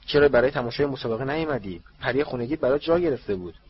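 A man's voice: mid-range voice, lively intonation, breathy edge, voice pushed up. A man voicing a flustered, jovial middle-aged male official firing off breathless questions, on a dull lo-fi recording. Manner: breathless, rapid-fire questions.

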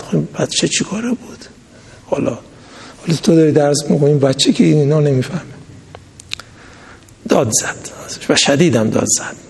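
A man's voice: on the high side, gravelly, a little mellow. A man giving a religious lecture, reading a text aloud and then explaining it in everyday speech with stories. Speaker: religious teacher. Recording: long hall reverb.

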